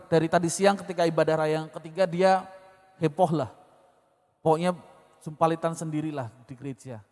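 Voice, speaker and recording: A pastor preaching a conversational sermon with personal stories, with an Indonesian accent from Medan. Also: male voice, sits high, long reverb tail.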